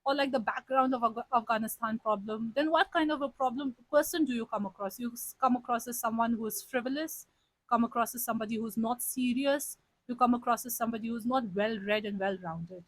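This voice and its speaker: A woman's voice: a little high, fairly quick, no room sound, low-quality recording. A young woman in her twenties, an interviewee giving earnest advice and switching between English and Nepali. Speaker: interviewee, civil services topper.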